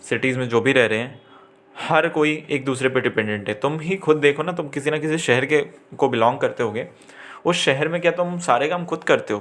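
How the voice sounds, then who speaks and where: A male teacher talking students through a chapter in an easy, conversational way. His voice sits at an ordinary middle pitch. He keeps checking in with the class and fixing his own slips as he goes. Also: fairly bright tone. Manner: conversational, often checks in and corrects himself. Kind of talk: exam-prep lecture.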